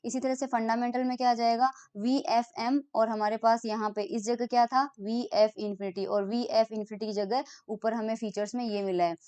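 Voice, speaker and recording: A woman gives a physics lecture in a smooth, resonant voice pitched a little high. She walks through formulas step by step. She reads definitions slowly, then explains them again in plain terms. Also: little pitch movement, dark tone, dry recording. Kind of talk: recorded online lecture.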